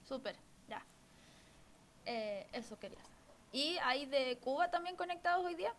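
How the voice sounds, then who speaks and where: A woman with a Chilean accent speaks as a guest journalist over a video call. Her voice sits fairly high and her manner is friendly and conversational. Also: animated, normal speed, a little hiss or hum.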